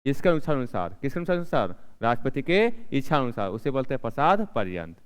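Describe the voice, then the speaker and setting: A man's voice: medium pitch, big pitch swings, fast talker, clean tone. A man teaching with quiz questions, in a room with long reverb. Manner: asks questions and answers them himself; repeats key answers several times. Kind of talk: exam-prep lesson.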